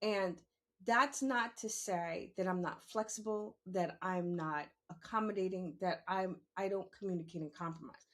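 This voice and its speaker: A podcast host in her fifties, born in the Bronx and raised in Queens in New York City, speaks candidly and emphatically in a conversational monologue, repeating phrases for emphasis. Her voice is on the low side, at a moderate pace.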